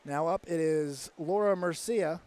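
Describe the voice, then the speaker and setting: A man giving live commentary at a diving championship, briskly announcing each diver and score. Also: on the high side, darkish tone.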